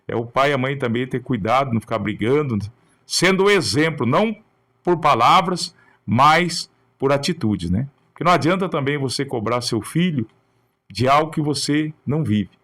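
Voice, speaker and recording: A man's voice: medium pitch, fairly quick, fairly bright tone. A male pastor preaching in short, earnest, admonishing phrases, often ending with a questioning tag. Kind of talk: sermon on raising children.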